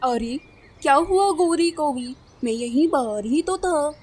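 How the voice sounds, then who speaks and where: A woman voices a friendly male crow in a cartoon, a polite husband with an easy manner. The voice is high for a male figure. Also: expressive, a little slow, a little mellow. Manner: polite, good-natured.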